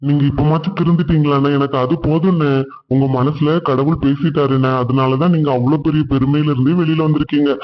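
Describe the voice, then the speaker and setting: A man doing a gentle, devout cartoon father. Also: a little high, fast talker, lightly acted. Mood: kind. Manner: calm, reassuring. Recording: dull lo-fi sound.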